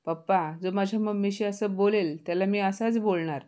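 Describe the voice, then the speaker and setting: A woman's voice: medium pitch, moderate pace, warm tone, close to an everyday voice. Woman doing a defiant little boy. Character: angry little boy defending his mother.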